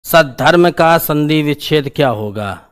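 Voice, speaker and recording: Colloquial Hindi exam-prep teacher, higher voice. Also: male voice, expressive, measured pace, smooth. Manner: explains in a casual, colloquial style, asks questions and repeats the answers. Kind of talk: exam-prep grammar lesson.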